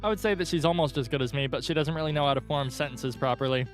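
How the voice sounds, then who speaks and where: A man's voice: fairly high pitch, quick pace, lightly acted. A man reading a chatty schoolgirl. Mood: friendly. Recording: faint guitar music underneath. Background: soft guitar music.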